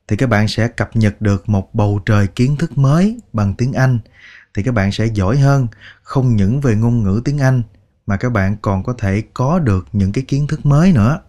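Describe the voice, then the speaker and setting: A man teaching a slow spoken language lesson, patiently repeating example phrases word by word and coaxing his learners along. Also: mid-range voice, dark tone. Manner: friendly, coaxing address to learners. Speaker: English teacher.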